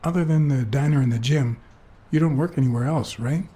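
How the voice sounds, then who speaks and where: An actor playing a calm, courteous hard-boiled detective in a video game, asking questions in a measured, gravelly voice. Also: male voice, medium pitch, close to an everyday voice. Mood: calm, probing. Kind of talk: video game dialogue, film noir detective.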